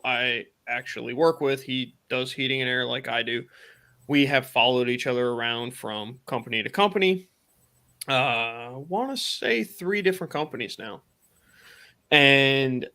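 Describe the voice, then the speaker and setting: A man hosting a live stream, casually telling a story from his work as a heating and air technician and acting out the dialogue with lively energy. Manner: animated retelling, acts out quoted dialogue in a higher, excited voice. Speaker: podcast host.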